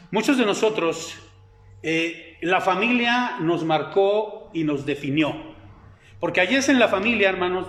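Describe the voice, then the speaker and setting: Higher-voiced preacher in an echoey room. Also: male voice, a bit bright. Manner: conversational, many fillers and rhetorical questions. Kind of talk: sermon with slides.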